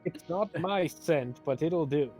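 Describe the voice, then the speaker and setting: A man's voice: fairly high pitch, slow pace, a little mellow, faint music behind. A man playing a tabletop game, talking casually in character in a dry, understated way.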